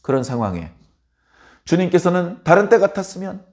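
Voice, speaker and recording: A man's voice: high-pitched, sing-song, moderate pace, darkish tone. A man preaching a dawn sermon as a pastor, telling the story dramatically and acting out the people in it. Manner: dramatic, acts out biblical characters in voices.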